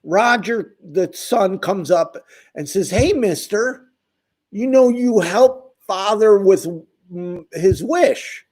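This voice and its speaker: Here a man talks slowly in a high, expressive voice with a somewhat dark tone. As host of a channel advocating for the homeless, he delivers a fervent, ranting address aimed squarely at his audience on camera.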